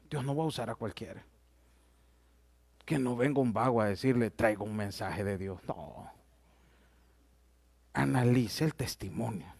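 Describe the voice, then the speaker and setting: A man's voice: mid-range voice, creaky, darkish tone, husky, no echo. A male pastor, telling stories in a sermon and often addressing his listeners as "brother". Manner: storytelling, addresses listeners as "hermano".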